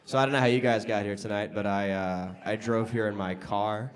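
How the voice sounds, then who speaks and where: An American male stand-up comedian works the crowd from a comedy club stage. He speaks conversationally and straight to the audience, using pauses to set up jokes and leaning on his punchlines. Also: fairly low pitch, fairly even intonation. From Las Vegas, United States. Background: audience laughter.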